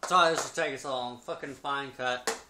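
A man's voice: mid-range voice, steady tone, brisk. A man in his twenties giving a blunt, sweary, casual review to camera in a living room, talking with a lip full of dip. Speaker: product reviewer. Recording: noisy home webcam recording.

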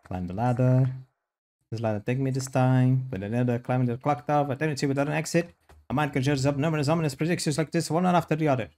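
A man's voice: mid-range voice, fast, a little mellow. A man streaming a game, reading its text aloud and adding casual commentary.

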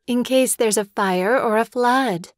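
A woman's voice: on the high side, unhurried, no echo, clean studio sound, lightly acted. A woman as coquettish, murmuring Daisy Buchanan. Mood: playfully genial.

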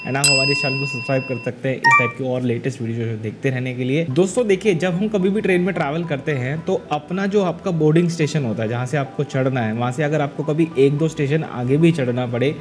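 Young male vlogger, medium pitch, lively conversational delivery on a lapel mic, faint music bed. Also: fast talker, hardly any pauses. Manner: chatty and animated, gestures while talking. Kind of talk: casual explainer vlog.

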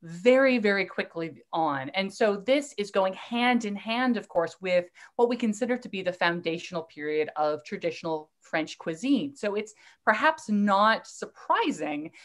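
A woman's voice: mid-range voice, animated, a little slow. A middle-aged woman lecturer answering questions in a live online talk, eager and digressive, often restarting her sentences. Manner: enthusiastic, digressive, with fillers and restarts.

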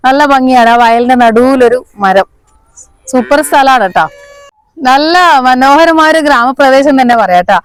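A woman's voice: sits high, normal speed, clean tone, low-quality recording. A woman chatting casually to vlog viewers, mixing English words into her Malayalam. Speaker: vlogger. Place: outdoors on a village road beside fields.

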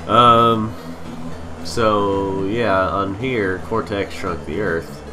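Low-voiced man, a little far from mic. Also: fairly even intonation, extremely slow. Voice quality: slightly distant from the mic. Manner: hesitant, rambling, self-deprecating. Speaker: host of a gaming video series. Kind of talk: casual let's play commentary. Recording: slightly far from mic, music behind. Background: video game music.

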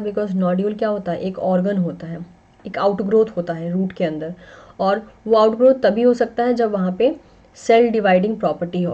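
A young woman with an Indian accent teaches botany for an exam-prep course. She explains in a steady, mid-pitched voice and keeps pausing on little connecting phrases. The recording is slightly dull and lo-fi. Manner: explains in mixed Hindi and English, frequent "that is" and "ठीक है". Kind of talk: online exam-prep lecture.

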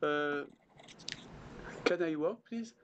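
An older man, a native French speaker, talking in halting, jokey English with a French accent on a casual livestream. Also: fairly high pitch, fairly bright tone, dull audio. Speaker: guest dad on a livestream. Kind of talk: casual livestream chat while scratching lottery tickets. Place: small indoor room. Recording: clearly noisy livestream room sound.

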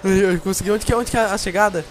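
A man chatting excitedly while gaming, often shouting in alarm. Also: high voice, racing. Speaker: gamer. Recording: game music behind.

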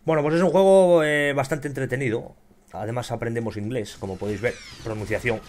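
A young man with a Spain Spanish accent commenting on his gameplay, excitable and swearing often as he shouts at enemies. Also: medium pitch, fairly quick. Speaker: gamer.

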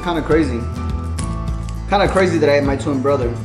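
Brief: young male cooking vlogger, slightly high voice, slangy, swears a lot, echoey kitchen with music underneath. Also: fairly quick. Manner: profane, slangy, rambling and goofy. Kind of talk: casual joking cooking vlog. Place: home kitchen, indoors.

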